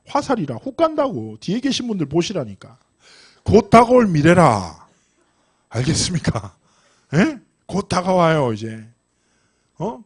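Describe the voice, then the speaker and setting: A middle-aged man preaching to teenagers in a high, very animated voice. He drops to hushed asides, then rises to loud exhortation. It is a lively youth sermon from a pastor from Korea. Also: measured pace, long pauses, husky.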